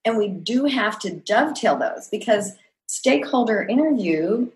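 A woman's voice: mid-range voice, expressive, normal speed, a little hiss or hum, poor audio. A middle-aged woman, an executive coach, answering interview questions in an earnest, reflective way.

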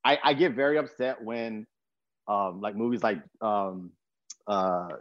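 Unhurried and fairly low in pitch, this young Texan man hosts a podcast in a relaxed, rambling way, using plenty of slang in casual talk. The recording is dry and slightly muffled.

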